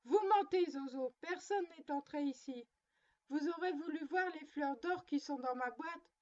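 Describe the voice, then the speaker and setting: A woman's voice: sits high, moderate pace, muffled recording, close to an everyday voice. A woman reading a storybook, voicing a little girl who sternly plays mother to her doll, prim and lecturing. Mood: scolding.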